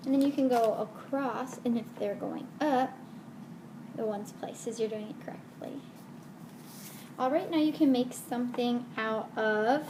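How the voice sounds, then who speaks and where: A woman with a high voice leads a children's lesson like a kids show host. She speaks slowly in simple, sing-song phrases. The room is echoey, with faint noise behind her. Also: mellow. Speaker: elementary math teacher. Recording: roomy echo with faint noise.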